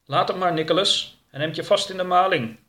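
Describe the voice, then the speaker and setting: A man's voice: sits high, a little fast, bright, forceful tone, voice pushed up. A man voicing a guarded, curt woman who organizes a private party. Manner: curt, dismissive.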